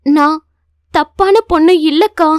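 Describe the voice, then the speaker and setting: A scared young wife, as a woman plays her in a storybook reading. She sounds timid and tearful, with a voice that pitches upward as she pleads. The sound is close and dry. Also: measured pace, no room sound.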